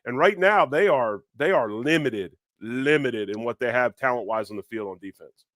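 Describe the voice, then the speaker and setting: A man's voice: mid-range voice, lively intonation, moderate pace, fairly bright tone, no room sound, clean studio sound. A man on a sports podcast, making his points in a punchy, emphatic manner and speaking directly to listeners. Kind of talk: casual sports talk.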